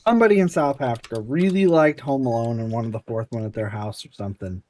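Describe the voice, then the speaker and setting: A man's voice: mid-range voice, fast, a little mellow. A man co-hosting a casual gaming podcast, wry and offhand, with some swearing. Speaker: podcast co-host.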